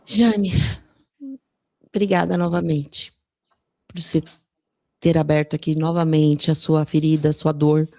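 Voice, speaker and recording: Female podcast host, low-pitched, gentle and searching in interview. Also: level tone, no echo, studio quality. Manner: gentle, slow, searching questions. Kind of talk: emotional interview.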